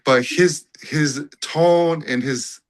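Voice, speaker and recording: A man's voice: fairly high pitch, drawn-out words, poor audio. A man, calling in to a chat over a video call and telling a story in an easygoing way. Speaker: audience member calling in.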